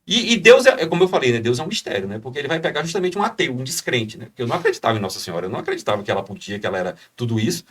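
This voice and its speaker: A man from Brazil gives his conversion testimony on a podcast in a fervent, preacher-like way. He keeps tagging his phrases with a quick question. His voice sits a little distant from the microphone. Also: medium pitch, sing-song. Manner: fervent, preacher-like, many "né?" tags. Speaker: podcast guest.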